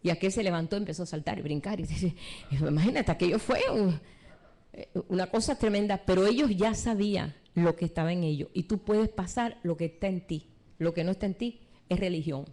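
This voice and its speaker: A woman's voice: on the low side, a little fast. A woman teaching a church seminar live, preaching with rhetorical questions and retelling stories from her own life. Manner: animated preaching with rhetorical questions and retold anecdotes. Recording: live stream recording.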